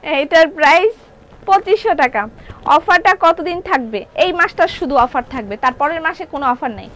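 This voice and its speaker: High-voiced chatty woman selling live. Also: moderate pace. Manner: chatty, lively, repeats prices and order steps. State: sore throat. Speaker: online clothing seller. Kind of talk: live sales stream, reading viewer comments aloud. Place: clothing showroom.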